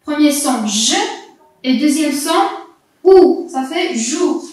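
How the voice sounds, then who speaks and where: Female primary teacher, high and unhurried, patient and careful, heard from across an echoey room. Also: a little mellow. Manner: patient, deliberate, spells out letters and syllables one by one. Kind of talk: slow, carefully articulated lesson for young children. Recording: echoey classroom, distant mic.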